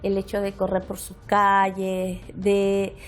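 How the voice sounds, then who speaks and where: A woman's voice: medium pitch, monotone, slow pace, faint music behind. A woman in her fifties from Chile, a parliamentarian guest, telling personal stories in a reflective, hesitant way. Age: 50s. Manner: warm reflective storytelling, frequent hesitations. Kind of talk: conversational interview.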